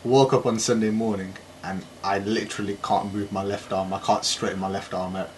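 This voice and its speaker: A low-pitched man co-hosting a tech podcast, delivering his lines with dry sarcasm. There is a faint hiss of ambient noise behind him. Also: level tone, a little fast. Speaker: podcast co-host. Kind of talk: casual chat.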